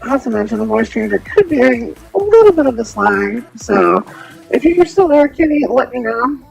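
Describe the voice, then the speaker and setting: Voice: medium pitch, big pitch swings, normal speed, vocal fry, soft background music, poor audio. A VTuber streamer talking through a voice changer filter, chatting casually with viewers while gaming and often trailing off mid-sentence.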